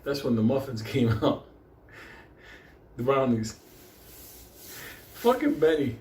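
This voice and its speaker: His medium-pitched voice is sing-song and a little mellow, and he speaks slowly. This host, a native Spanish speaker from Puerto Rico or a Puerto Rican community, tells rambling, joking stories full of heavy swearing and frequent laughter. A roomy echo and faint background noise are present.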